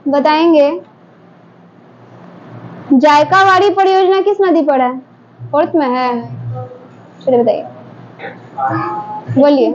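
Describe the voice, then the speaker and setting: A woman teacher running a quick quiz drill in a classroom, briskly prompting students to answer one after another. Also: high-pitched, a little mellow. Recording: dull lo-fi classroom recording, faint noise.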